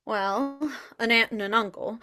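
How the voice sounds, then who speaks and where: A woman's voice: on the high side, unhurried, pushed and bright. A woman reading a skeptical female FBI agent. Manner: skeptical, questioning. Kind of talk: dramatic script reading.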